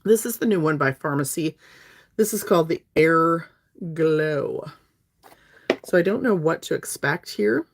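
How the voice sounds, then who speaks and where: Low-voiced woman chatting on a livestream. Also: lively intonation, a little slow. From North Alabama, USA. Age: 50s. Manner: chatty and friendly, talking straight to viewers. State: slight lingering cough. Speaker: makeup livestream host. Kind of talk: casual livestream chat while doing makeup.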